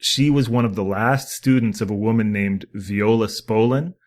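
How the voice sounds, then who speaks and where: Low-voiced, enthusiastic podcast co-host. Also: male voice, moderate pace, darkish tone. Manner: enthusiastic, digressive, history-nerd talk. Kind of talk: casual podcast chat.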